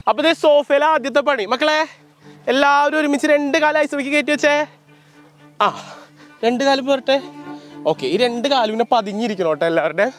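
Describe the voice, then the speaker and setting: A man hosts a challenge video in a high, light voice. He teases the contestants playfully and hypes them up with little sung sound effects. Soft music plays faintly behind him. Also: a little fast. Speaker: host running an ice sofa challenge. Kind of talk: lively challenge-video hosting.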